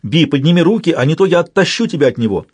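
A man's voice: mid-range voice, animated, a little slow, slightly rough, no room sound. A man voicing an anxious, devoted male companion who speaks urgently and in a raised voice.

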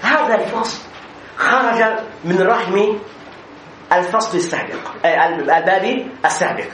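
A high-pitched man teaching a grammar class, explaining patiently step by step and pausing to ask if the students follow. His voice rings in an echoey room with faint background hum. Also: fairly bright tone.

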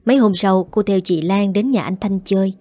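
A woman narrating a family story in a steady, dramatic telling. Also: medium pitch, normal speed, no room sound. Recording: dry, faint music behind.

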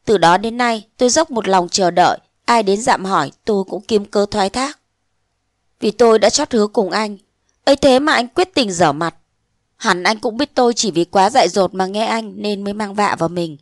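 A woman's voice: moderate pace, no echo, clean studio sound, close to an everyday voice. A woman playing a tearful, indignant girl of eighteen. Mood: reproachful. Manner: pleading, rising to shrill reproach.

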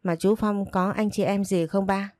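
A woman's voice: medium pitch, steady tone, normal speed, darkish tone, no echo, close to an everyday voice. A woman reading a curious shy young woman.

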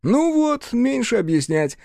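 A brash, sardonic hunter of the undead who speaks bluntly and mockingly, as a man reads him in an audiobook. His pitch swings widely. The recording is dry and close. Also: big pitch swings, measured pace, vocal fry, a little mellow, dry recording, exaggerated voice. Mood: urgent.

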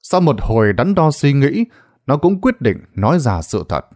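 A man narrating a ghost story in a dramatic, expressive storytelling manner. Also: mid-range voice, moderate pace.

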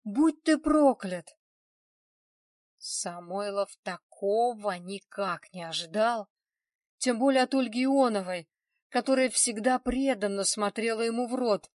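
A woman narrating an audiobook in the first person, steady and measured. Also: a little high, no echo, clean studio sound, distant mic.

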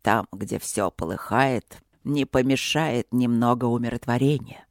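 A reader voicing a calm, wise male dragon lord who speaks slowly and soothingly, in an audiobook. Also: medium pitch, dry recording, clean studio sound, voice pushed down, close to an everyday voice. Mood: serene. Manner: slow, even, soothing.

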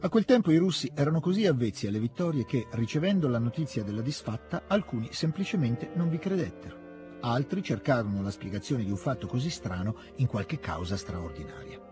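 A man narrating a classic novel in an audiobook, with a steady, expressive reading into a close studio mic. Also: mid-range voice, a little fast, over music. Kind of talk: scripted literary narration.

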